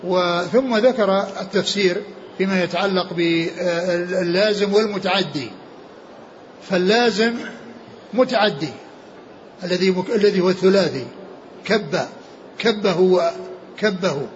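High-voiced man teaching, halting and repetitive. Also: lo-fi sound, a little hiss or hum. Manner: halting, many repeated words and restarts. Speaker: hadith teacher. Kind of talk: classroom lecture explaining a hadith text.

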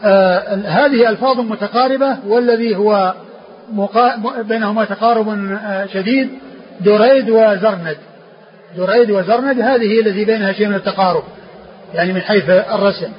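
Slow-explaining man teaching a classical text. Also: high-pitched. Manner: measured, repeats words, spells out letters. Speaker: teacher of hadith sciences. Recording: dull lo-fi recording with faint hiss.

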